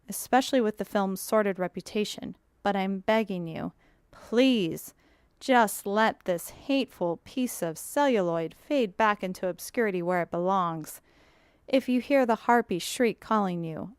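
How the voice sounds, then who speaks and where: Actress voicing a wry, sarcastic young woman blogger, smooth clear voice, dry close sound. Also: medium pitch, dry recording, natural voice. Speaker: audiobook narrator voicing a blogger. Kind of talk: audiobook reading.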